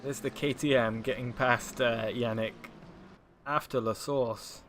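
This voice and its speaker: A laid-back man co-commenting on a live online race, mostly chiming in with short remarks. His voice sits at an everyday middle pitch. Faint background noise runs under the mic. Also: steady tone, unhurried, fairly bright tone. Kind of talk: live sim racing commentary. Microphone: home mic on a stream setup.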